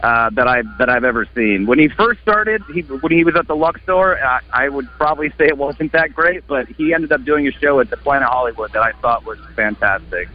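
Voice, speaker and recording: A man's voice: mid-range voice, lively intonation, brisk, hardly any pauses. A man from Wisconsin, a magician being interviewed on a radio show, talking earnestly and enthusiastically and often restarting his sentences. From Wisconsin, United States. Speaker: magician guest. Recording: slightly muffled radio broadcast.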